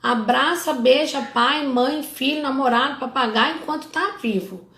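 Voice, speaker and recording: High, gravelly Brazilian woman therapist. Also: measured pace, a bit bright, reverberant. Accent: Brazilian Portuguese. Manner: direct, scolding, informal asides to the audience. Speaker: family constellation therapist. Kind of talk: casual talk to followers.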